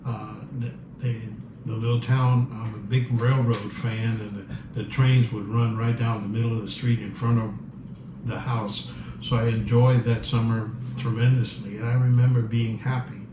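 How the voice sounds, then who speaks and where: A man's voice: medium pitch, flat delivery, normal speed. A man in his seventies from Cuba, a native Spanish speaker, answering interview questions thoughtfully and searching for his words. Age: 70s. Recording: roomy, distant, dull, noisy.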